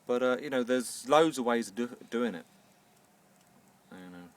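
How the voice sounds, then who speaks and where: A man with a Northern Irish accent and a mid-range voice chats casually and unscripted while demonstrating a recipe as a home baker inside a camper van. He speaks at normal speed and sounds animated, hesitating and repeating words as he starts phrases. A distant mic picks up faint background noise.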